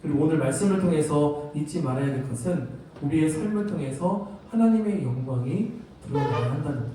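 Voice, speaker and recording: A man's voice: on the high side, lively intonation, fairly quick, mellow, a little hiss or hum. A man preaching a youth sermon, talking to teens in a conversational way and telling stories before a closing prayer. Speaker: youth pastor. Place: large church sanctuary. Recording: very echoey hall, from a distance.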